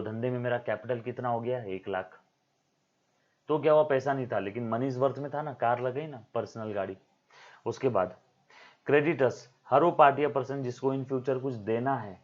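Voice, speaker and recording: A man's voice: mid-range voice, a little mellow, lo-fi sound. A male accounting teacher giving a recorded lecture. He explains by repeating key terms, asks rhetorical questions and talks to his students as to his own children.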